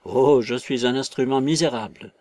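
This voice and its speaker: A man's voice: mid-range voice, expressive, moderate pace, dry recording, lightly acted. A man voicing a timid, self-pitying tramp who groans and pleads in a storybook reading. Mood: whining. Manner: plaintive, cowering, self-pitying. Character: whining, timid tramp, middle-aged man.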